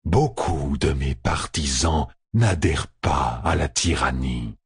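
A man voicing a slow, menacing dark entity. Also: very deep voice, breathy edge, pitched below the performer's own voice, exaggerated voice. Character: dark malevolent male entity, cold and scheming.

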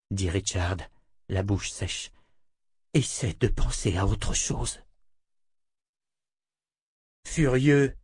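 A man narrating an audiobook in a measured, dramatic reading. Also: medium pitch, darkish tone, no room sound, clean studio sound.

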